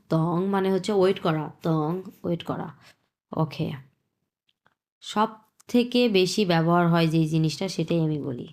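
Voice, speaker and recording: A woman teaching Chinese in an online lesson, patiently repeating phrases slowly and then explaining them. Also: mid-range voice.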